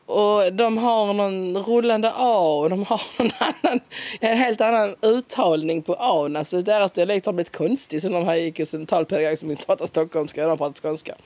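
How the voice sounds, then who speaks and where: A woman's voice: medium pitch, dry recording. Chatty woman with broad Scanian accent. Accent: broad Scanian Swedish. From Skåne, southern Sweden. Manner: chatty, laughs often, lively. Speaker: interviewee. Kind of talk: casual conversational interview.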